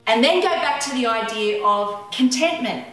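A woman's voice: fairly high pitch, expressive, normal speed, a bit bright, faint music behind. A woman co-preaching a sermon, earnestly reading scripture aloud. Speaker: pastor's wife co-preaching. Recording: echoey room, voice from far off.

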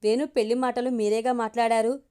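A woman voicing a tactful, witty wife who speaks softly and persuasively. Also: a little high, flat delivery, fairly quick, clear, resonant tone, natural voice. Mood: gentle. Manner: soft, persuasive.

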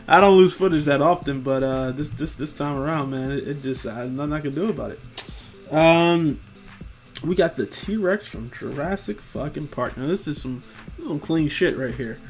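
Soft music plays behind a young man at home whose fairly high voice moves at a moderate pace. He offers casual commentary over screen images, rambling about collectible figures, profane and worn out from work, and stumbling over names.

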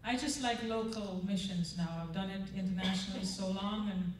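An older woman leads a chapel devotional and prayer, earnest and conversational, often asking the audience to agree. Her voice sits at a middle pitch and rings through a large, very echoey hall. It sounds picked up from some distance, with faint room hum behind her. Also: fairly even intonation, brisk. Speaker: chapel speaker. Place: large church auditorium stage. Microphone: handheld microphone. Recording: echoey hall, mic heard from afar.

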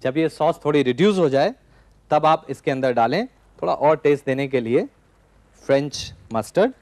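A man in his forties hosting a TV cooking show, calmly explaining a recipe step by step from a studio kitchen set. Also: a little high, normal speed, no echo. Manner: calm step-by-step instructing. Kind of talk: cooking demonstration.

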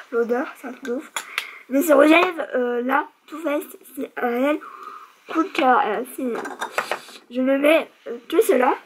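A young woman vlogger with a high-pitched voice chats casually through a beauty product review, chatty and self-mocking, with lots of fillers. The audio is poor.

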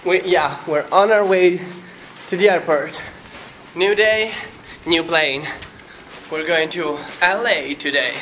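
Sleepy young Italian vlogger, noisy background. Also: male voice, a little high, slow, pauses often, pushed and bright. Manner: sleepy, chatty, joking. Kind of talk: casual travel vlog.

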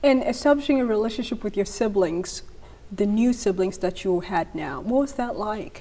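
A woman's voice: medium pitch, lively intonation, fast talker, mellow. A young woman hosting a studio talk show, asking questions attentively and murmuring agreement as her guest speaks. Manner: attentive, frequent affirming murmurs. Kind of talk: interview questions. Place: TV studio set, seated on a sofa.

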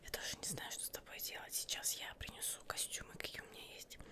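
A young adult woman whispers an ASMR roleplay as a witch tailor running a shop, coaxing the listener softly and unhurriedly and often repeating words. She's close to the mic indoors, and her pace is quick.

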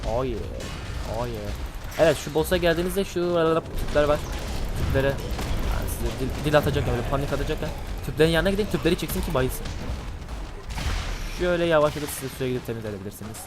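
A man with a nasal, blocked-nose voice, casually commenting on a game he is playing, swearing and breaking into excitable outbursts. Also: on the high side, brisk. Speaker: gameplay commentator. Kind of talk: casual let's-play commentary. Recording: gunfire and game music behind.

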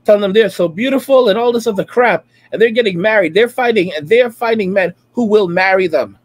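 Speaking fairly quickly in a high voice with no echo, this man in his late thirties rants over clips as a reaction streamer from home. His delivery is preachy and keeps repeating itself.

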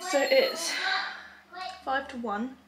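A young woman with a high, bright voice talks through her day in a chatty, upbeat way, her words a little lispy from braces. She records into a handheld camera, and loud background noise runs under everything she says. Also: slow pace. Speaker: vlogger. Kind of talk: casual vlog chat.

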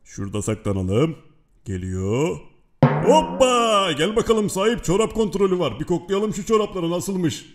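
A man's voice: high-pitched, big pitch swings, measured pace, exaggerated voice. A man dubbing a grumpy, easily startled pet in a comic video, grumbling and throwing crude insults. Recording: music behind.

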